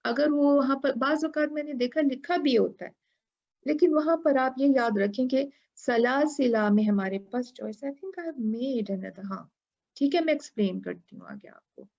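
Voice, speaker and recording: A woman teaching a tajweed lesson who explains patiently, asks her students questions and chants Quran verses in a drawn-out style. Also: high voice, creaky, darkish tone, highs cut off.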